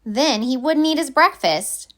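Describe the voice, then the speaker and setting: Her voice sitting high, this story reader takes a woman's expressive, deliberate approach to reading a children's picture book aloud.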